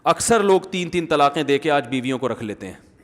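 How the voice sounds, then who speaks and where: A man giving a humorous, animated sermon, often asking the audience questions. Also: on the high side. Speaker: Islamic preacher. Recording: long hall reverb.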